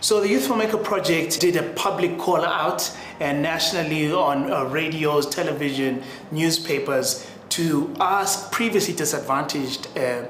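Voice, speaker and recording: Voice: medium pitch, moderate pace, a bit bright, a little hiss or hum. A program representative explaining the project in a documentary interview. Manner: clear, explanatory. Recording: echoey room with clear music.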